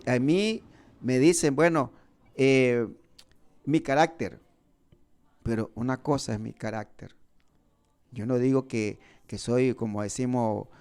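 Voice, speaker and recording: Slow, earnest radio preacher, a man. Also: mid-range voice, a little mellow, clean tone. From Nicaragua. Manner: earnest, halting, with many fillers and restarts; describes himself as serious. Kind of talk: live radio sermon. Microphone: radio studio microphone.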